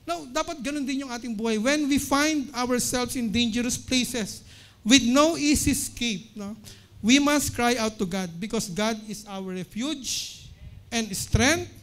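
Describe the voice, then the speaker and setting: A woman with a Filipino accent preaching a sermon in a church service, mixing Tagalog and English, tagging phrases with "no?" and reading Bible verses slowly and emphatically. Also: a little high. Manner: Taglish, frequent tag "no?" after phrases.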